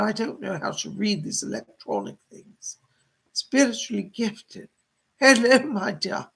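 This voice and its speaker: A man as a seance medium voicing a gentle, motherly female spirit guide, speaking in genteel, solemn endearments with a husky, creaky voice. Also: high-pitched, heavily acted. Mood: affectionate, greeting. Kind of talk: seance medium trance channeling, addressing sitters with spirit messages.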